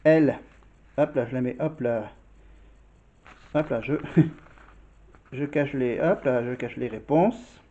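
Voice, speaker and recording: Speaking straight to his viewers, a vlog host chats casually, tosses out quiz questions, adds commentary and repeats himself often. He has a dark, mid-range voice, a slow pace with long pauses, and a dull, roomy recording.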